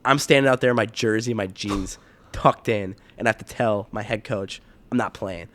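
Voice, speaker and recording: A young man guesting on a podcast, telling stories in an animated way, acting out other people's voices and laughing often. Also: on the low side, normal speed. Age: young adult. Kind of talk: casual storytelling chat. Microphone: podcast mic.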